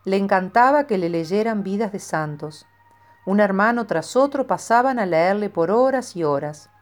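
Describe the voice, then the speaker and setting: A woman calmly reading a scripted devotional life of a saint in a measured way. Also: mid-range voice, soft background music. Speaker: narrator.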